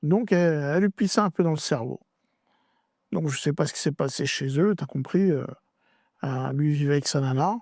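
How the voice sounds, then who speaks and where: A man's voice: a little high, normal speed, no room sound, studio quality. A man guest on a podcast, casually telling a story and acting out the dialogue with slangy street talk. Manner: animated, acts out dialogue, slangy street French.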